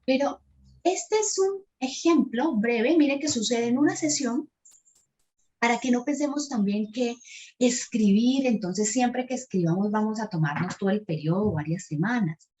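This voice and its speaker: A Colombian woman teaching a teacher-training workshop, retelling a classroom example in a lively way and acting out the voices of the children and the teacher. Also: a little high, measured pace. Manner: animated, acts out the children and teacher in quotes.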